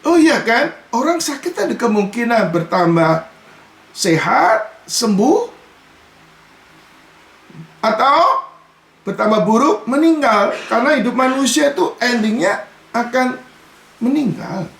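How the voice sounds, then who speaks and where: A male pastor preaching in a chatty, conversational way, keeps turning to address the congregation directly. His voice sits high for a man and carries a gravelly, creaky edge. The sound is echoey, as in a reverberant church hall. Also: very animated, slow pace, pauses often, fairly bright tone. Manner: mixes in English "you" and casual Jakarta-style particles. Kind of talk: sermon. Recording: echoey room.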